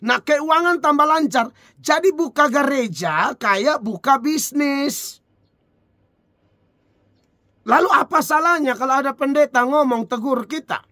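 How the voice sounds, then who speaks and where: A man's voice: extremely high pitch, unhurried, pauses often, pushed and bright, no echo, studio quality. A man preaching an informal sermon, asking rhetorical questions and chuckling as he goes.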